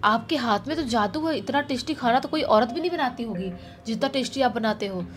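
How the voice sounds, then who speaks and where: A woman's voice: on the high side, lively intonation, a little fast, a little hiss or hum, close to an everyday voice. A woman voicing a sad, hungry orphaned young village girl who speaks plaintively, in her own voice. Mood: sorrowful. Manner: tearful, plaintive.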